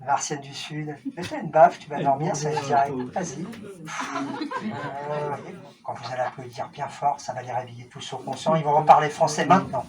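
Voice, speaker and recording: A man's voice: a little high, animated, moderate pace, a crowd in the background. A man working as a stage hypnotist in a theatre, giving commanding suggestions to volunteers and teasing them playfully. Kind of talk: live stage hypnosis show. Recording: noisy, distant live theatre recording.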